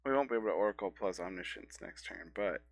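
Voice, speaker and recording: Speaking quickly and with animation, a man in his thirties comments on his own card game, thinking aloud and correcting himself amid fillers. He streams gameplay, and his low, creaky voice sounds scratchy and stuffy from a cold.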